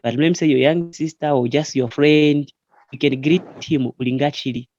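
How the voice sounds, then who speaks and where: A man's voice: a little high, steady tone, moderate pace, a little mellow, dry recording, highs cut off. A man teaching an online language lesson, explaining patiently step by step with repeated examples over a call.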